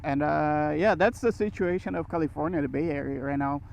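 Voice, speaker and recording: A man's voice: on the high side, fairly even intonation, brisk, vocal fry, a little mellow. Brazilian-born man chatting while riding. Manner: rambling, with restarts and short laughs. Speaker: motorcycle vlogger. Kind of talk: casual riding commentary. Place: riding a motorcycle on city roads. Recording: muffled helmet audio with road noise.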